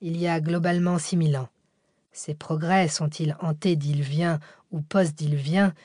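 A woman narrating an audiobook in an even, dramatic storytelling manner, on a close studio mic. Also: deep voice, moderate pace, no room sound. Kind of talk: scripted narration.

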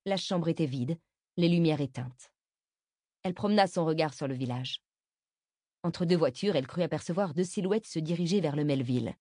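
A woman reading a novel aloud as audiobook narrator, in measured, even storytelling at a close mic. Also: low-pitched, no room sound. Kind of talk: scripted narration.

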